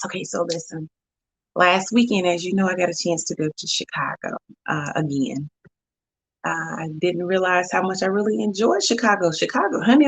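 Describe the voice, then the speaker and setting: Woman, casual live-stream host, chatty, animated, talks to viewers, lively pitch. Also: no echo, poor audio. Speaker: host of a faith talk show.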